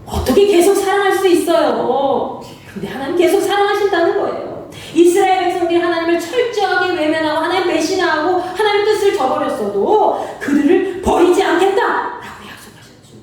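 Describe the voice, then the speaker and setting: High-voiced woman preaching in an echoey hall. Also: a little fast, hardly any pauses, darkish tone, distant mic, a little hiss or hum. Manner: asks the congregation questions, acts out quoted lines. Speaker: pastor. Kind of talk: sermon. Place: church sanctuary.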